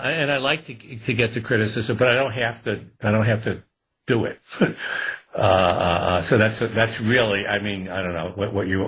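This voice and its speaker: A man's voice: on the low side, a bit bright, breathy edge, low-quality recording. A man, a guest author, talking in a casual interview, rambling and restarting often with a chuckle.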